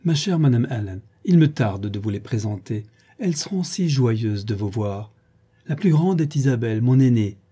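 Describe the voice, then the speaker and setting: A man's voice: mid-range voice, lively intonation, moderate pace, warm tone, breathy edge. A man reading aloud, voicing an effusive, boastful middle-aged mother in a storybook with a gushing, raised voice. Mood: gushing proud.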